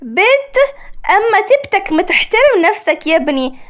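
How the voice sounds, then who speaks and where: A woman voicing a spoiled, proud young woman engineer with an Egyptian Arabic accent and a sharp-tongued, indignant manner. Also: extremely high pitch, sing-song, normal speed, full character voice.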